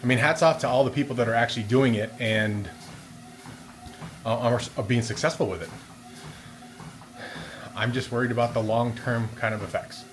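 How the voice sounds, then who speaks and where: A man's voice: medium pitch, moderate pace, long pauses. A man talking casually and a little hesitantly in a rambling vlog as he walks on a treadmill. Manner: talking while walking on a treadmill. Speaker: vlogger. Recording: steady background noise of treadmill. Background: treadmill and room noise.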